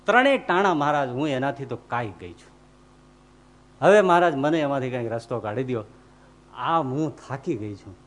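A man voicing a tired, devoted village wife who pleads softly and complains about her husband. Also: fairly high pitch, pitched below the performer's own voice, natural voice.

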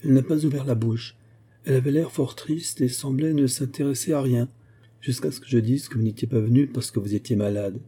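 A man's voice: medium pitch, a little fast, dark tone, breathy edge, close to an everyday voice. A man playing an amused, worldly duke who answers in a matter-of-fact way.

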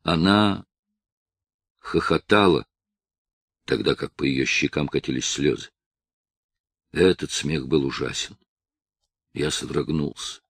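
A man reading a first-person story aloud in a measured, solemn way. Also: rumbling low, a bit bright, husky, dry recording. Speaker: audiobook narrator. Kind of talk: first-person audiobook narration.

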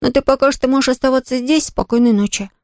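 A woman's voice: sits high, darkish tone, no echo, clean studio sound, voice pushed up. Woman doing a defensive young boy. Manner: quick, defensive. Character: anxious, stubborn boy under ten.

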